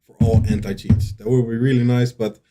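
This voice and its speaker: Man, lead dev in a casual Q&A, mellow dark tone, halting delivery full of ums and restarts. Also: medium pitch, little pitch movement, faint music behind. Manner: hesitant, many fillers and restarts. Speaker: lead game developer. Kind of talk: casual Q&A answers.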